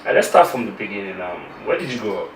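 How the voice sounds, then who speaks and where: Lower-voiced male interview host. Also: very animated, fast talker, a little hiss or hum. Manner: enthusiastic, frequent "wow" and "yeah". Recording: echoey room with faint background.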